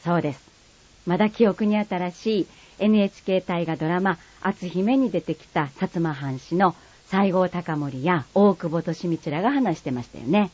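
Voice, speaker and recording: A woman from Kagoshima giving a scripted mini-lesson on her home dialect, explaining in a playful, clear way. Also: on the low side, moderate pace, a little mellow. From Kagoshima, Japan. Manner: explanatory and playful, drawing out quiz words. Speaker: dialect teacher. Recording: slightly muffled dry recording.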